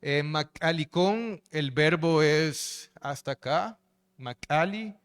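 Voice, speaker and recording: Guy lecturing on language, clear smooth voice, lots of fillers and "right?". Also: mid-range voice, measured pace, fairly bright tone. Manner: explanatory, with frequent fillers and tag questions. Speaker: linguist and researcher giving a talk. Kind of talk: public lecture with slides.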